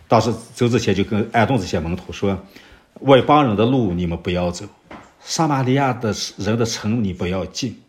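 This preacher, with a lowish voice, walks his listeners through Bible verses in an expository sermon. Rhetorical questions punctuate the message, and he now and then uses fillers while looking up references.

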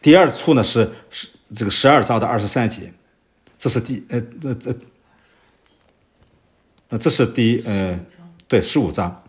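A man's voice: mid-range voice, moderate pace, pauses often. Man giving an expository Bible sermon. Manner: expository Bible teaching with rhetorical questions; searches for references aloud with many fillers. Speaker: preacher.

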